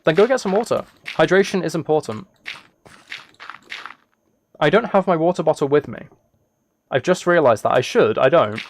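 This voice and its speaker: Frequent pauses break up this streamer's casual, playful banter as he plays a video game, teasing viewers and slipping into rambling asides. He speaks at normal speed in a slightly high voice with lively intonation, over clear noise full of key clicks and typing.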